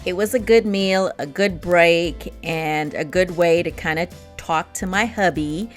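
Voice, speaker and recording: A middle-aged woman with a low-pitched voice chats through a casual vlog. She speaks in a confiding, informal way, with music playing in the background. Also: unhurried. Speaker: vlogger.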